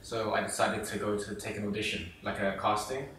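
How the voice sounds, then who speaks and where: A young man from England talks casually as a guest, his low voice running quickly through fillers. He sounds distant from the mic in a very echoey room, with faint ambient noise behind. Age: young adult. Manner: relaxed, rambling, many fillers. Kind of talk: casual interview chat.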